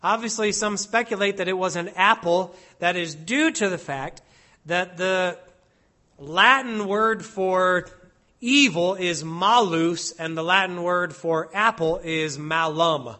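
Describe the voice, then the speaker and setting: Guy preaching slow and careful, hits every word, pretty high clear voice. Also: pushed and bright. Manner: slow and deliberate, stressing each word, reads Hebrew and Latin aloud. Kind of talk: expository sermon.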